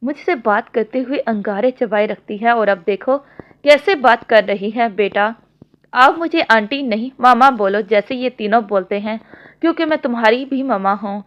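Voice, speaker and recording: An affectionate middle-aged mother who talks in a warm, motherly way, read by a woman. The voice sits a little high, and the lo-fi audio is dull. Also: normal speed, lightly acted. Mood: fond.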